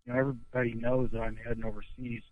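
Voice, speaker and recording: A man's voice: mid-range voice, flat delivery, rapid-fire, dry recording. A man calling in as a missionary, speaking earnestly over a muffled phone line that sounds like he is talking into a cup. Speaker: caller, missionary. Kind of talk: casual on-air chat.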